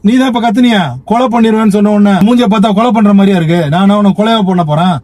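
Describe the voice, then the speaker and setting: A man's voice: high voice, fairly even intonation, racing, a little mellow. A man caught in a car prank, exasperated and pleading to be let out. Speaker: taxi passenger and prank target. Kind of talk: unscripted argument. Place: inside a car.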